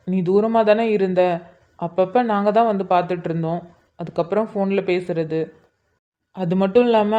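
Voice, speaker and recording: Cartoon role: earnest young man fussing over his sister, voiced by a woman, mid pitch, muffled recording. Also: warm tone, close to an everyday voice. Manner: bossy, caring, earnest. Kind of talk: cartoon drama voice acting.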